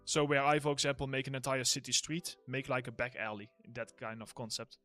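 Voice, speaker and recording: A man's voice: mid-range voice, fairly even intonation, brisk, fairly bright tone, soft background music. A man with a Dutch accent hosting a casual Q&A livestream, reading viewers' questions aloud and answering loosely with fillers, his throat getting a little sore. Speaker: livestream host, environment art tutor.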